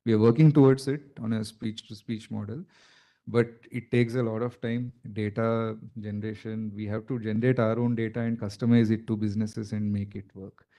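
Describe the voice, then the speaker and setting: South indian guy on a conference panel, mellow voice, lots of "you know", explaining stuff casually. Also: lowish voice, level tone, moderate pace. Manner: conversational, many "you know" fillers, explaining plainly.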